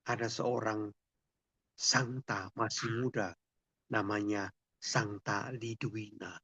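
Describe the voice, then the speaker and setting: A man, a priest, telling a saint's story in a slow, storytelling homily. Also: mid-range voice, gravelly, husky, dry recording, muffled recording. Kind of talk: sermon.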